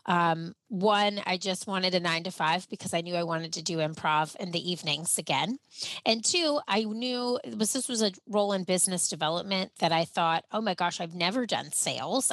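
A woman's voice: on the low side, fairly bright tone, no echo. A woman from the United States with a Southern and Midwestern accent and a nasal twang, chatting as a podcast guest in a bubbly, effusive way. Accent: Southern and Midwestern American. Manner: bubbly, effusive, quick asides. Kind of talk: casual interview chat.

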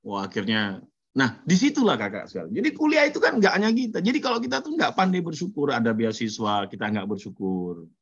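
A man lecturing students in a motivational talk, telling stories in an animated way. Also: medium pitch, a little fast, husky, dull audio. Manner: animated storyteller, acts out quoted voices. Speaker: university lecturer.

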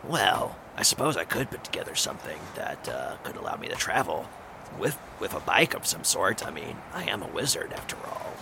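A man voicing a sly male wizard in a tabletop game, speaking in a drawling, gravelly manner with coy hints. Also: low-pitched, sing-song, brisk, noisy background, exaggerated voice.

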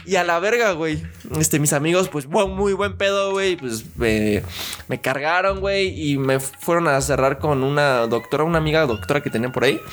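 A man's voice: fairly high pitch, normal speed, fairly bright tone. A young man with a Mexican accent telling a story in a casual podcast chat, full of slang and fillers. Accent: Mexican Spanish. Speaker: podcast co-host.

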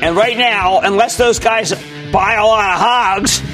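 A man in his sixties hosting a TV finance show, talking in an energetic, emphatic way with a husky voice. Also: sits high, unhurried, music in the background. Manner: animated, emphatic, shouts at times. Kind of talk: energetic market commentary.

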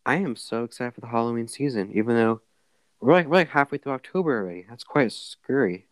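A woman's voice: a bass voice, lively intonation, fast talker, no room sound. A teenage girl hosting a podcast in a bubbly, slangy way, laughing often. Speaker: podcast host. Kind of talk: casual chat.

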